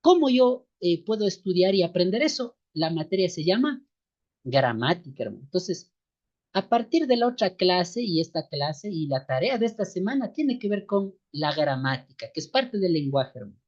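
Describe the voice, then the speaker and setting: Slow-lecturing man. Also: sits high, sing-song, darkish tone. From Ecuadorian highlands. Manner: slow, repetitive, rhetorical questions tagged with "no". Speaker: seminary teacher. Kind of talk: online class lecture. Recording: dull lo-fi sound.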